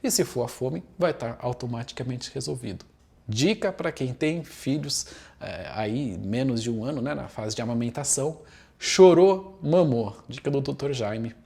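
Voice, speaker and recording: A man talks as a therapist, laying out his ideas one step at a time. His voice sits at an ordinary middle pitch. He keeps checking that the listener follows and repeats words to drive a point home. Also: normal speed, vocal fry, a little mellow. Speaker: family constellation therapist. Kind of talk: explanatory talk to camera.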